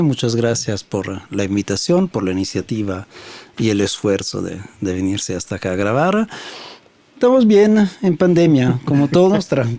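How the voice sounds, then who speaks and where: A man in his fifties with an Italian accent, a native Italian speaker, answering interview questions in a thoughtful, halting way with many fillers, recorded in a recording studio. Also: mid-range voice, warm tone. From Italy. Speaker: sound engineer and studio founder, guest.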